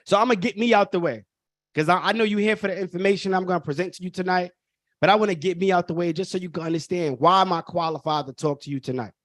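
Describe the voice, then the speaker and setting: A man's voice: high voice, quick pace, no room sound, studio quality. A man, hosting a live online workshop in an emphatic, repetitive way and calling the audience y'all. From Brooklyn. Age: 30s. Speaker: workshop host.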